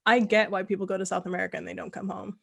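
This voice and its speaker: A woman's voice: medium pitch, level tone, very fast, gravelly, husky. Chatty california lady hosting, rambles and laughs a bunch. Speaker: host. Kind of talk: casual chat.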